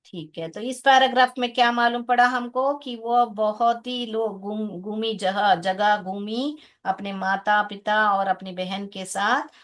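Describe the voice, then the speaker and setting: A woman teacher with a medium-pitched, slightly bright voice explains an English lesson to her class. She patiently sounds out words, calls students "beta," and asks them questions to check their understanding.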